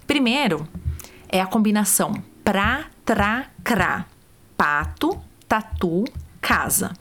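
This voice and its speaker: A woman, calmly guiding listeners step by step through vocal warm-up exercises. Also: mid-range voice, slow. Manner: calm, step-by-step, demonstrates sounds. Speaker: voice coach. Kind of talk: guided vocal warm-up instructions.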